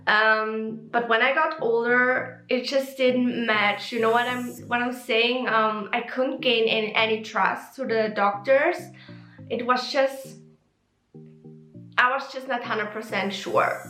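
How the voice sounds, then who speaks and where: A young woman with a Swiss German accent talks openly in a casual vlog, often pausing on ums and correcting herself as she goes. Her voice is bright and sits a little high. The room sounds echoey, and faint music plays underneath. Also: fairly even intonation. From Switzerland. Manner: chatty and open, with frequent ums and self-corrections. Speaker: vlogger.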